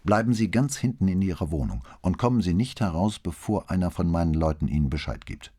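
Deep-voiced man as a middle-aged police commissioner, firm, measured, husky, crime audiobook. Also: lively intonation, dark tone. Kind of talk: audiobook reading.

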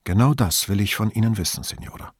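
A man voicing a calm, probing male police inspector in an audiobook, speaking in a measured, quiet way. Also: on the low side, husky, dry recording, studio quality.

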